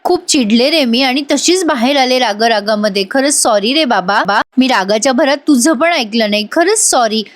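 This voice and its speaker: A woman's voice: a little high, moderate pace, hardly any pauses, natural voice. A woman reading as an apologetic young daughter. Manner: pleading, apologetic.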